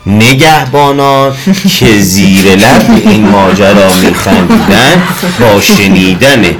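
A man narrating a children's story with a lively, expressive reading. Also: lowish voice. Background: soft music.

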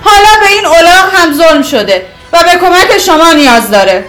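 A high-voiced eager young boy. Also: expressive, sharp tone, soft background music, full character voice. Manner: pleading, quick and eager. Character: clever young village boy, bold.

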